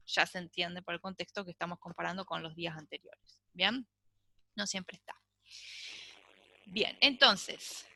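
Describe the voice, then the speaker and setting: A woman's voice: medium pitch, sharp tone, no room sound. A woman teaching an English grammar class, explaining patiently and checking in with frequent "¿sí?". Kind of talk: online class lecture.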